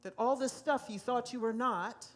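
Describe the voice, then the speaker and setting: A woman's voice: on the high side, normal speed. A woman pastor preaching a sermon to a congregation in a church, emphatic and given to repeating key phrases. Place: church sanctuary.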